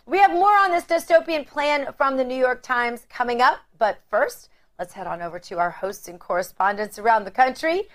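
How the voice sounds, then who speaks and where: A woman anchoring a news program with a slightly high voice. She talks in a chatty way and tosses off laughing asides between reports. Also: animated, normal speed, few pauses, fairly bright tone. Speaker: news show host.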